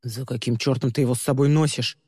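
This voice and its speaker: A man voicing a hot-tempered, commanding man who barks orders and often shouts. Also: medium pitch, fairly even intonation, fast talker, husky, no room sound, studio quality, in a large hall. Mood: gruff. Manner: barking and bossy, shouting often.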